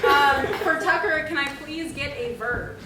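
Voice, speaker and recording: A woman's voice: sits high, measured pace. A woman hosting a live improv show, calling out for suggestions and laughing. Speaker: improv host taking audience suggestions. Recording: echoey hall, far mic, loud crowd.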